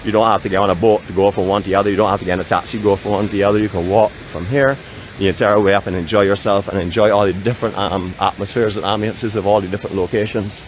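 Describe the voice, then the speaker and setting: Walking by a beach boardwalk with his phone, a Barbadian vlogger hosts a live tour, chatting and poking fun at himself. He talks very fast in a lowish, steady voice. The audio is poor, with outdoor street noise in the background.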